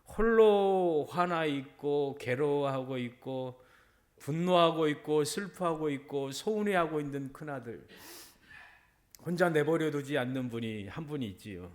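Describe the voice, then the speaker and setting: A man's voice: on the high side, expressive, a little slow. A middle-aged man preaching a sermon as pastor, repeating phrases for emphasis and voicing quoted speech.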